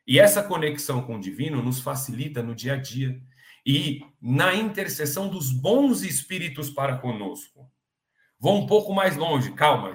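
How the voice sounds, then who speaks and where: Earnest preaching man in echoey room. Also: medium pitch. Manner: earnest, preachy, with joking asides. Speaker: spiritist program speaker. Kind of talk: informal religious teaching.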